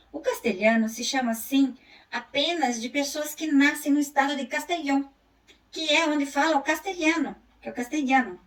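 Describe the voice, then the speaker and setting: Uma mulher com sotaque brasileiro dando uma aula gravada, em tom explicativo. Ela lança perguntas retóricas aos alunos. A voz é aguda e soa um pouco distante do microfone. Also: female voice, high voice, reverberant. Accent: Brazilian Portuguese. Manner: explanatory, asks the class rhetorical questions. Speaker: teacher. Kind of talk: recorded online lesson.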